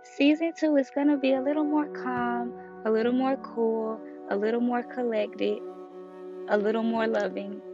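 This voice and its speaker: Woman, podcast host, casual solo talk, creaky voice. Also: a little high, fairly even intonation, normal speed, dull audio, over music.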